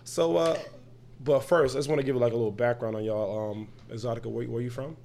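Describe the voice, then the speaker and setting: A young man hosting a podcast in a casual, slang-heavy chat; lively, laughing often and restarting sentences. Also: medium pitch, fairly quick, vocal fry. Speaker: podcast host.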